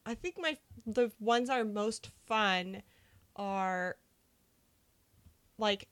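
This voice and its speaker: A young woman talks casually about a film as a podcast co-host. She is chatty and leans on "like" fillers. Her voice sits at an average pitch. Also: extremely slow, a bit bright, smooth. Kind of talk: casual movie discussion.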